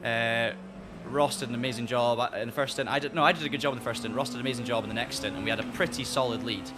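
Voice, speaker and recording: A man with a soft, fairly neutral Highland Scottish accent, chatting casually as he hosts a sim racing livestream. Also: fairly even intonation, racing. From Scottish Highlands, north of Inverness. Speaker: livestream host and sim racer. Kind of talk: casual livestream chat while gaming.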